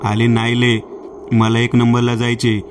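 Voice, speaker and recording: Drunk young man, nervous, storybook horror, read by a man, monotone delivery, faint noise behind. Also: mid-range voice, unhurried, natural voice.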